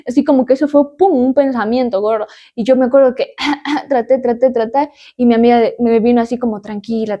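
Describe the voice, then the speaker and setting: High-pitched woman retelling vividly. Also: dark tone, highs cut off. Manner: emphatic, repetitive, acts out sounds and cries. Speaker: podcast host. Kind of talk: personal storytelling to a friend.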